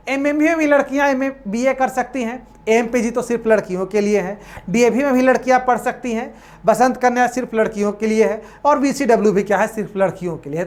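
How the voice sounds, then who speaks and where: Higher-pitched woman tutor, self-answering questions. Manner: asks questions and answers them herself, calls students "babu". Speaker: coaching tutor. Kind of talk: online counselling lesson.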